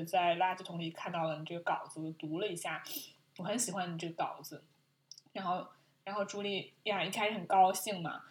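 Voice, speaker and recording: A woman co-hosting a podcast, retelling a film scene in casual chat, with lots of laughter and restarts. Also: on the low side. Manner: animated storytelling, frequent laughter, many restarts. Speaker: podcast co-host.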